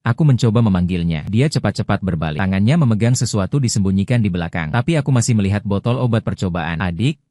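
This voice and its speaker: A man reads a romance story aloud at a brisk pace in a steady, scripted way. His voice is low and mellow, and it is recorded dry and close with no room sound. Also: no room sound. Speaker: narrator.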